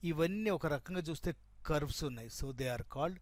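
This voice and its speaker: A man's voice: a little high, expressive, brisk, no room sound. A man teaching shorthand, explaining each stroke step by step as he draws and checking that students follow. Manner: explains step by step while drawing, repeating terms and checking with "right?". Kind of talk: classroom lesson, mixing Telugu and English.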